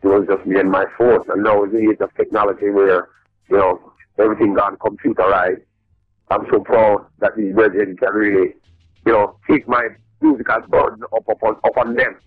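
A middle-aged reggae artist with a Jamaican accent, heard over a phone line, talking in a laid-back, rambling way with lots of restarts. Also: male voice, lowish voice, level tone, brisk, dry recording. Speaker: reggae artist calling in as a guest. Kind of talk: casual radio phone interview. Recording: tinny dry phone line with faint music.

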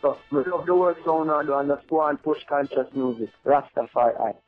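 A man's voice: fairly high pitch, brisk. Man talking over the phone. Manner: rambling, repeats "you know what I mean". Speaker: reggae artist guest. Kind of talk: phone interview, casual. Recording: tinny phone line, faint music behind.

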